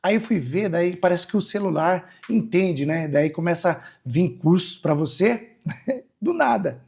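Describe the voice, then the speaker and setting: A Brazilian man with a Brazilian Portuguese accent, a guest on an interview show who tells long, rambling anecdotes full of asides. His voice sits a little high and carries a husky edge. He answers in a loose storytelling way. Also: lively intonation, a little slow, darkish tone. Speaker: guest, musician and hypnotist.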